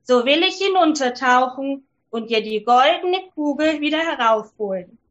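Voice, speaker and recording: A woman's voice: high voice, animated, moderate pace, fairly bright tone, dull audio. A woman voicing a male frog who bargains with a princess in a read-aloud fairy tale. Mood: coaxing.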